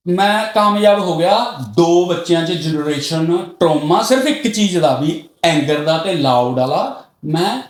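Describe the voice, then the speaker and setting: A middle-aged man from Punjab, a podcast guest telling stories candidly and getting loud and excited as he talks. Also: high-pitched. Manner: loud and excitable when talking. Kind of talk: candid conversational storytelling. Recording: roomy echoey room.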